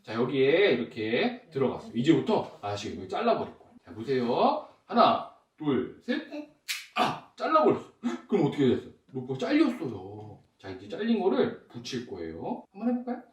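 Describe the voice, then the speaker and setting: Man, kids party magician, playful, theatrical exclamations, lively swooping pitch, echoey distant recording. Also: brisk. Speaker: magician hosting a family magic show for children. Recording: echoey room, distant mic.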